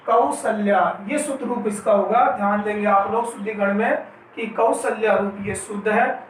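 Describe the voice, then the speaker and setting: A male Hindi grammar teacher with a high voice gives an exam-prep spelling lesson, pronouncing each word slowly and drawn out, repeating it, and asking questions he answers himself. The room is very echoey, the mic is at a distance, and there's faint noise.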